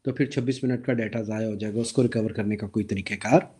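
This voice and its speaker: A man lecturing on databases with a sore throat and an occasional cough, explaining step by step, asking the class questions and reading slide text aloud slowly. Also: lowish voice, fairly even intonation, mellow, slightly rough. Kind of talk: recorded lecture over slides.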